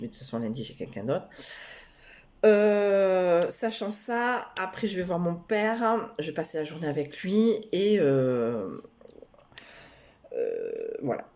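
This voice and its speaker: A low-voiced woman reads tarot cards in a casual vlog, rambling with lots of hesitations and restarts. When she jokes, she becomes animated and giggly.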